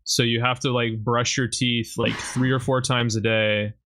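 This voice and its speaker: A man co-hosting a podcast in casual chat, blunt and quick to swear while he rants. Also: mid-range voice, flat delivery, fairly bright tone, slight background noise. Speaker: podcast co-host.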